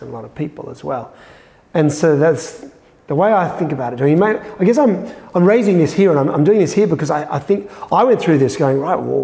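Male host, casual solo talk, gravelly, restless and outspoken, in a reverberant room. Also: medium pitch. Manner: animated, self-interrupting, frank. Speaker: podcast host.

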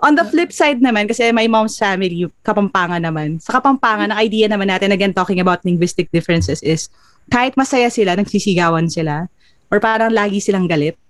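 Lively Taglish-speaking woman host. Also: medium pitch, a little fast, no echo. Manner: Taglish code-switching, laughs often, lively storyteller. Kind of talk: casual chat.

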